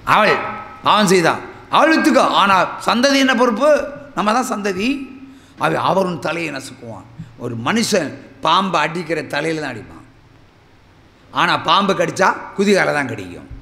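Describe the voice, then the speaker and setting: A middle-aged man, preaching a sermon and telling a personal story, with dramatic swings between loud exclamations and low murmurs. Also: big pitch swings, moderate pace, vocal fry, long pauses, a little hiss or hum. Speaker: pastor. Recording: long hall reverb.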